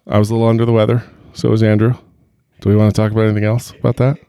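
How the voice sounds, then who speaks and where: A man's voice: on the low side, flat delivery, racing, dark tone, clear, resonant tone, no room sound, studio quality. A man co-hosting a podcast in casual chat, joking and a little self-conscious as he rambles. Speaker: podcast co-host.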